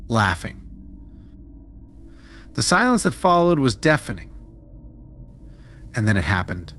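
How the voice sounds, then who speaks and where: A man giving a steady, dramatic scripted narration of a true-style horror story. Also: medium pitch, a little hiss or hum.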